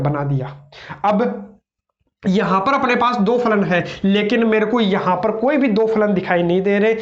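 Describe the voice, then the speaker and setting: A male math tutor teaching a lesson, who keeps asking rhetorical questions and answering them himself. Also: sits high. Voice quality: repeats his own questions with a drawn-out "bhai". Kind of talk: classroom math lecture. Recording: roomy, slightly dull lo-fi sound.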